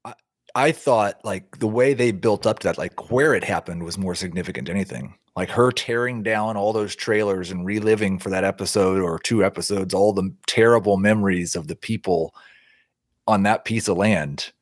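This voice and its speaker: A man's voice: lowish voice, normal speed, no echo, clean studio sound. A man with an American accent chatting casually as a panelist in a podcast discussion. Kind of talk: casual chat, TV show discussion.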